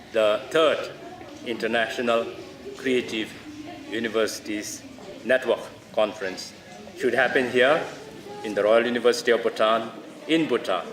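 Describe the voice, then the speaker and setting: Man giving an earnest welcome speech, echoey. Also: mid-range voice. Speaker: conference host. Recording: echoey conference hall.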